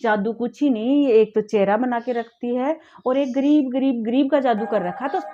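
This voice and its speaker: A woman's voice: fairly high pitch, normal speed, music in the background. A woman playing family members in a home-made skit, chatty and scolding, switching between characters. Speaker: video creator playing family roles. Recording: dull lo-fi sound.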